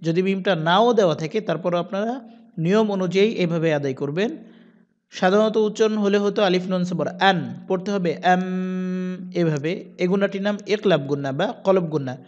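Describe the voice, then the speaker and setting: A man teaching Quran recitation, spelling out letters and vowel marks one by one and then chanting the verses slowly. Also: sits high, darkish tone. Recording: dull lo-fi sound.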